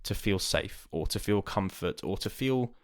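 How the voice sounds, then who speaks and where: A man hosting a podcast, talking earnestly and rambling a little, swearing casually, from a dark room. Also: on the low side, animated, unhurried, no room sound, studio quality. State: hiccuping. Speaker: podcast host. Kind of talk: casual podcast monologue and chat. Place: dark room lit by candles.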